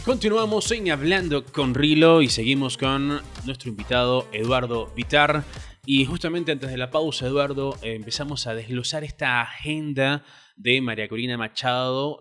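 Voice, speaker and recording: Brisk male talk-show host. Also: medium pitch, a bit bright. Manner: brisk and steering, keeps the guest on topic. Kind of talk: hosting an interview.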